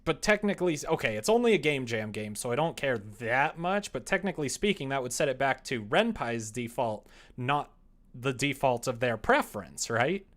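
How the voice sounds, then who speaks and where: A young man livestreams himself coding a game from a small indoor room at his computer. His mid-range voice is animated and fairly bright, at a normal speed, as he thinks aloud in an informal, self-deprecating way.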